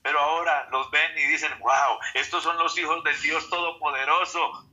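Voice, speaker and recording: Emphatic, bright-voiced preacher man. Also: on the high side, steady tone, moderate pace, dull audio. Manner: emphatic, calls out to listeners, dramatizes quotes. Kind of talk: sermon.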